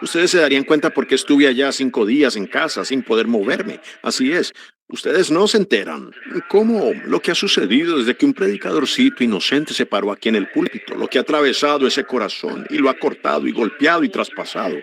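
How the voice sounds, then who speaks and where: Man preaching with a lively, rising voice. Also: brisk, creaky. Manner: animated, earnest preaching with sudden high rises. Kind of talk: sermon.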